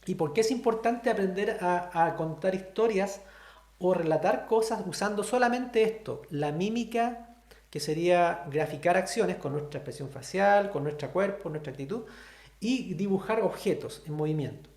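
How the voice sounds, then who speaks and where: A man with a Chilean Spanish accent teaches an online sign language class, explaining step by step and often asking his students questions. His high voice is a little mellow with lively intonation at a normal speed, in a reverberant space.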